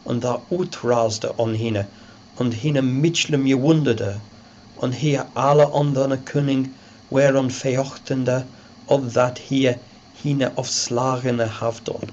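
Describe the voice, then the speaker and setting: Male reader, mid-pitched, measured Old English recitation, scholarly delivery, dull lo-fi sound with noise. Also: fairly even intonation. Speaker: reader and narrator. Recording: muffled lo-fi recording with loud background noise.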